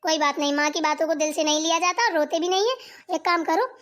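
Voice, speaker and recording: A woman's voice: extremely high pitch, steady tone, fast, fairly bright tone. A woman voicing a sweet, coaxing cartoon sister-in-law. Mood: soothing. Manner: coaxing, talks as if to a child. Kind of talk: cartoon voice acting.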